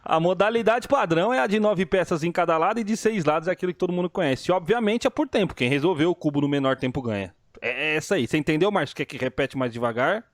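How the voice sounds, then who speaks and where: A laid-back man co-hosting a sports stream, joking as he explains things. His voice sits a bit high for a man and comes across dry and close, with no room sound around it. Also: expressive, quick pace, hardly any pauses, dry recording. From Brazil. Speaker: co-host of a sports show. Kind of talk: casual live-stream chat.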